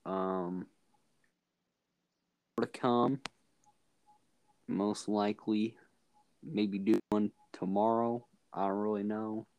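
A man's voice: fairly low pitch, steady tone, slow, long pauses, a little mellow, smooth, no room sound, poor audio. A man co-hosting a casual podcast, laid-back and joking as he chats. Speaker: podcast co-host.

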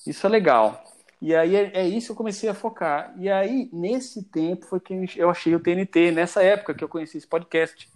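A man's voice: high voice, fairly quick, a little mellow. A Brazilian man chatting casually as a podcast guest, rambling and restarting his sentences often. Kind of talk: casual chat.

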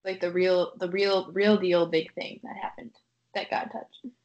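A woman's voice: lowish voice, fairly even intonation, moderate pace, darkish tone, muffled recording. A young woman in her twenties hosting a casual podcast, chatty and giggly. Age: 20s. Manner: chatty, giggly, says "oh my goodness" often. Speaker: co-host.

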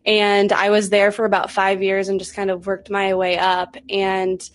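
A woman's voice: medium pitch, completely flat delivery, moderate pace. A woman in her thirties, a social media director, answering interview questions in a friendly, enthusiastic way. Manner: friendly, enthusiastic, bit giggly.

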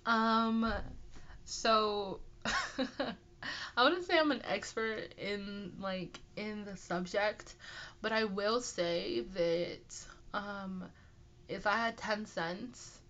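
A woman's voice: medium pitch, extremely slow, fairly bright tone. A young adult woman with a nasal, stuffed-up voice from being sick, chatting casually and apologetically as she hosts a rambling, self-deprecating solo show. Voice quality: nasal, congested. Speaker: podcast host and aspiring author. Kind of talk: casual solo chat answering listener questions.

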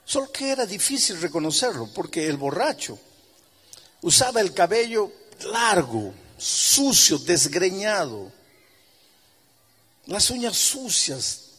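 A male pastor telling a story in his sermon with animated, emphatic delivery. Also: high-pitched, slow, breathy edge.

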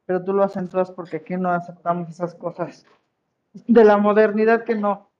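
A woman's voice: fairly low pitch, steady tone, fairly quick, a little hiss or hum. Encouraging woman teacher, lo-fi audio. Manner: encouraging, checks with "¿vale?". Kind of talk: online class.

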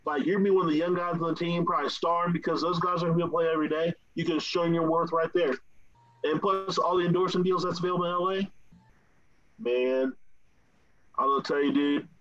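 A man's voice: a little high, fairly even intonation, quick pace, fairly bright tone. A man hosting casual sports talk in an easygoing, chatty way. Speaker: show host. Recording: dull lo-fi recording.

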